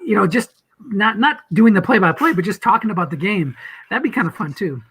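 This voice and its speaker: A man's voice: high voice, expressive, a little fast, a bit bright, husky, low-quality recording. A man co-hosting a casual league podcast, rambling with lots of restarts. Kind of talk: casual chat.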